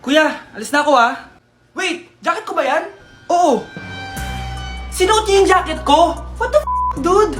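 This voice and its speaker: A woman acting out loud, theatrical comic family skits, often shouting and laughing. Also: high-pitched, lively intonation, a little slow, pauses often. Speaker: comedy skit performer. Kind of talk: comic skits playing many family roles. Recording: roomy sound with loud music behind.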